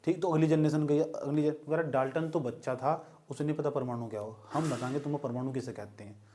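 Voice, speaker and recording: A man teaches a live class in a playful, joking manner, often pausing to check that his students have understood. His voice sits a little high for a man. Faint background noise runs under the recording. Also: fairly even intonation, warm tone. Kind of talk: classroom lecture.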